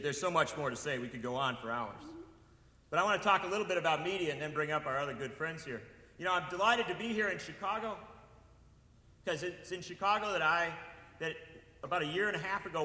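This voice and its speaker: A man from Wisconsin delivers a rousing political speech, his voice bright and cutting as he drives home repeated appeals. He sits a touch higher than most men. The sound rings through a large hall with a long, echoing tail. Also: fast talker. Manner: impassioned, rising to shouted repeated appeals. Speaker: speaker at a political event. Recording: echoey hall with long reverb.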